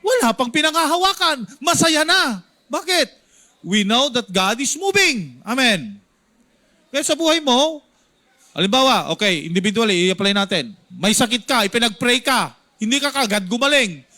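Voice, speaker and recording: High, bright-voiced Filipino pastor preaching. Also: male voice, normal speed. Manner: animated, acts out shouts of the crowd; mixes English lines into Tagalog teaching. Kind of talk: Sunday school sermon.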